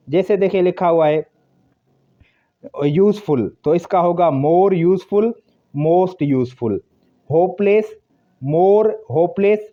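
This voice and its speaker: Slow, patient male grammar teacher. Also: sits high, narrow, tinny audio. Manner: explains slowly, reads rules aloud word by word then restates them. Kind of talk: grammar lesson lecture.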